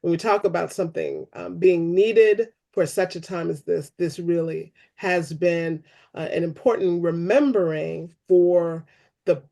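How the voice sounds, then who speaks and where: A woman hosting a church discussion, speaking unscripted closing remarks in an earnest, appreciative and measured manner. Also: on the low side, gravelly, dark tone. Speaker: host of a church webinar.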